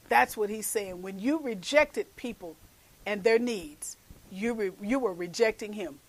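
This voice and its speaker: A woman's voice: a little high, low-quality recording. A woman host preaching an earnest message, repeating phrases and urging her listeners to act. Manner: calls listeners "baby". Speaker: show host and minister.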